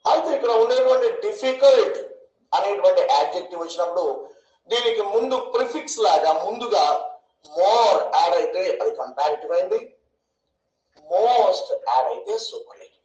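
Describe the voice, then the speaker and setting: A man's voice: sits high, lively intonation, normal speed, a little mellow, highs cut off. A man teaching an English grammar lesson in an online class, asking questions and answering them himself and stretching words out syllable by syllable. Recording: echoey room.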